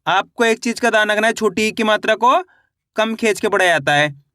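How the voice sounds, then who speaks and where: Guy teaching a basic class, high voice, asks then answers himself, dry close mic. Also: fairly quick, pushed and bright, dry recording. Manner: repetitive, asks and answers own questions. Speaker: Hindi teacher. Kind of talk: online lesson.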